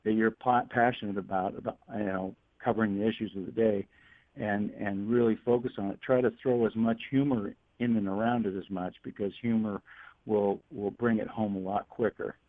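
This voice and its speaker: A man's voice: fairly low pitch, steady tone, no echo. Middle-aged man on a tinny phone line. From Northern California. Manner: halting, with frequent fillers and restarts. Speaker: guest editorial cartoonist. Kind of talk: talk radio interview over the phone. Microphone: telephone.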